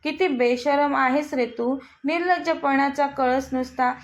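A hot-tempered schoolmaster father who fiercely guards his daughter, as a woman voices him while reading a story. He speaks in an angry, indignant way, in a high voice. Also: fairly even intonation, a little slow. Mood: furious.

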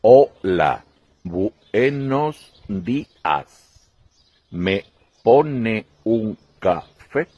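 A man voicing a nervous traveler who stretches every word out very slowly. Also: on the low side, expressive, slightly rough, dry recording, lo-fi sound, heavily acted. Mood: careful. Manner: drawn-out, exaggeratedly slow words.

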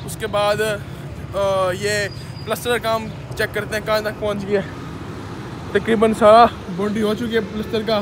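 A young adult vlogger from Pakistan walks viewers through a rooftop building site in a high, monotone voice at a moderate pace. He speaks Urdu with a Punjabi tinge, filmed on a phone held at arm's length, with noisy outdoor sound.

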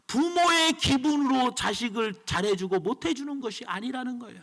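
A pastor preaching with emphatic, storytelling force. His voice sits unusually high for a man and moves in a lively way, with a bright, forceful edge. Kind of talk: sermon.

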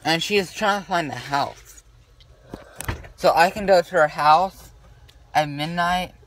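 A teenage young man chatting casually and loopily, rambling in an excitable way into a handheld phone. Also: a little high, measured pace. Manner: giddy, loopy, excitable. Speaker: patient filmed after wisdom teeth surgery. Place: inside a car, later rooms in a house. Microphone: phone at arm's length. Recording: noisy handheld phone recording.

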